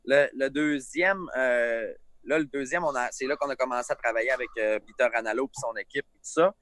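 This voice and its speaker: A singer with a Lac-Saint-Jean Quebec French accent chats outdoors as a guest over a remote call, relaxed and rambling. His mid-range voice moves at a brisk pace with no room sound.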